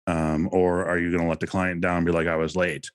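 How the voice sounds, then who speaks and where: Deep-voiced man giving calm advice. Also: brisk, no room sound, clean studio sound. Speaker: podcast co-host. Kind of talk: casual conversation.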